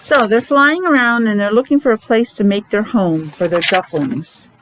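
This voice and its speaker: A preschool or special-needs teacher reads a picture book aloud to young children, explaining it simply through short, repetitive asides. Her voice is medium-pitched and at a normal speed, with background noise present.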